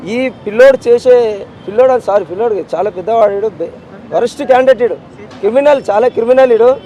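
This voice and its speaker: A man's voice: very high voice, quick pace, dark tone, low-quality recording. A grieving father with a Telangana accent speaking in a street interview, insistent and repetitive as he pleads for justice. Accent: Telangana Telugu. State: distraught with grief.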